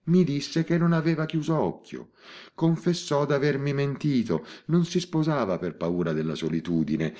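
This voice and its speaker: A man reading an audiobook voices an elderly spinster in her eighties who calmly and matter-of-factly confesses. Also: on the high side, voice pushed up. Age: 80s. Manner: composed, matter-of-fact confession. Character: elderly spinster woman, calm and unrepentant.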